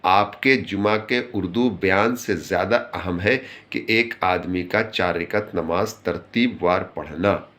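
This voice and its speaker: A man's voice: low-pitched, slow, hardly any pauses, fairly bright tone. A man giving an informal religious talk, earnestly explaining points and repeating phrases for emphasis. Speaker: speaker giving religious advice.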